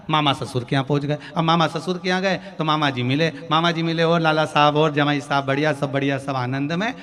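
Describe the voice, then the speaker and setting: Bright-voiced male preacher in an echoing hall. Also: fairly high pitch. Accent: Malwa Hindi. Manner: storytelling, acting out dialogue with emphatic rising voice. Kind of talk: devotional sermon with acted anecdote. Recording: reverberant hall with faint music.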